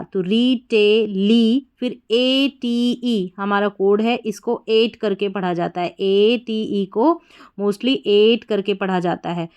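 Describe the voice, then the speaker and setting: A woman's voice: a little high, darkish tone, smooth. A woman teaching English reading, spelling words out letter by letter and then blending them into the full word. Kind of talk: slow spelling-out lesson.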